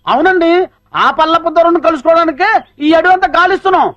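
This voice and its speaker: An actor playing a scheming comic sidekick who talks excitably and cheers loudly. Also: male voice, very high-pitched, quick pace, dry recording. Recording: dull film soundtrack with music.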